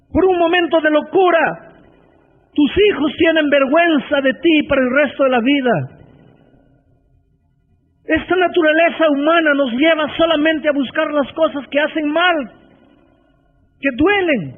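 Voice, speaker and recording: A man, a pastor, preaching a sermon with fervent, slow and stressed phrases. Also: very high voice. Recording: tinny phone-like sound with faint background noise.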